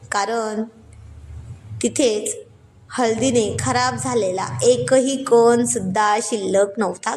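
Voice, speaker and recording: A woman's voice: fairly high pitch, a little mellow. A woman narrating a serialized romance story, with chatty asides to listeners.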